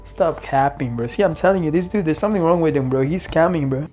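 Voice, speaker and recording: A man with a slightly higher-pitched voice gives loose, slangy commentary as a podcast co-host. He keeps dropping "bro" and chuckles between his points, with a relaxed, conversational delivery. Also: quick pace, soft background music.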